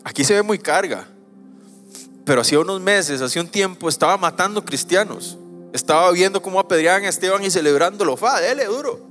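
Animated male preacher over faint music. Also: high voice, brisk. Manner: animated, swings from soft asides to loud emphatic preaching. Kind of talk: sermon.

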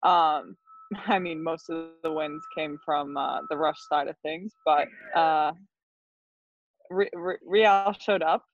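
A woman's voice: deep voice, slow pace, no room sound. A young woman from Colorado, a guest in a casual chat, laughing easily and starting sentences with hesitation. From Colorado, USA. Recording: dull dry lo-fi call audio.

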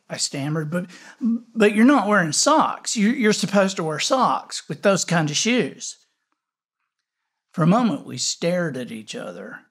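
Reflective male narrator, unhurried, slightly raised voice, gentle with quiet whispered moments. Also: a little high. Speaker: storyteller. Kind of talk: scripted narration.

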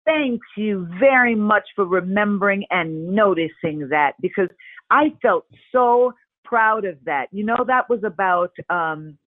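A woman actor, an interview guest, telling stories in an expressive, animated way. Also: mid-range voice, unhurried, dry recording. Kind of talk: casual interview chat. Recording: dry, tinny phone-like line.

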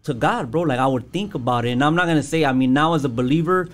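A man speaking as a podcast guest in a casual, personal way, halting and searching for words in loose slang. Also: on the high side. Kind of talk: casual chat, personal testimony.

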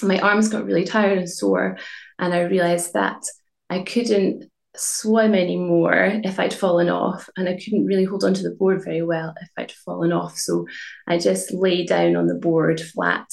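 A woman in her forties with a Highland Scottish accent, giving a conversational, reflective personal account in an interview. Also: level tone, moderate pace, vocal fry, darkish tone, echoey room. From Inverness, Scottish Highlands. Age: 40s. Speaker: rescued paddleboarder telling her own story.

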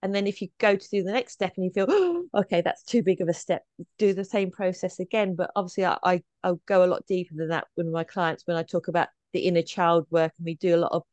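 Woman, low voice, dry sound, chatty, animated storytelling. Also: fast, few pauses, no echo, lo-fi sound. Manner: chatty, giggly, acts out quoted voices. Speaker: podcast guest, trauma coach. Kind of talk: conversational interview answers.

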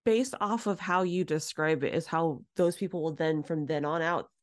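A woman co-hosting a podcast in casual chat, telling stories and acting out both sides of conversations with big jumps in pitch. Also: normal speed. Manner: animated storyteller, acts out dialogue with big pitch jumps. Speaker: podcast co-host.

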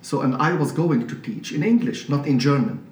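A man from Syria with a Syrian accent, a priest talking as an interview guest in a measured, explanatory way with frequent restarts. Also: medium pitch, animated, darkish tone. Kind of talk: conversational interview. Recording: roomy, slightly distant mic with faint noise.

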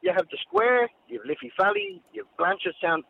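A man's voice: very high-pitched, wildly swooping pitch, brisk, vocal fry, breathy edge. A man with a Dublin accent, calling a radio phone-in and arguing his point in casual chat. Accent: Dublin Irish. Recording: tinny narrow phone line.

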